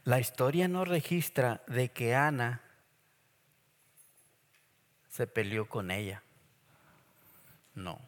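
A man preaching a sermon in a lively, joking way, with playful acted asides. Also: mid-range voice, slow pace, long pauses. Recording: long echo of a church hall.

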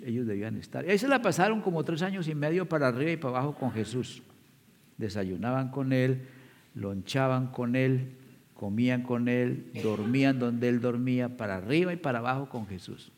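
A man preaching a sermon, retelling scripture as a story and speaking straight to his congregation. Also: mid-range voice. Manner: storytelling, addresses the congregation directly. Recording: long reverb of a large hall.

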